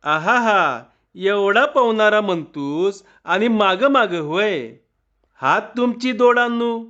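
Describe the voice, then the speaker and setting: A man doing a shrill scolding village woman. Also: expressive, slow, sharp tone, full character voice. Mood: teasing scolding. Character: chattering loud village woman. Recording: dull lo-fi recording.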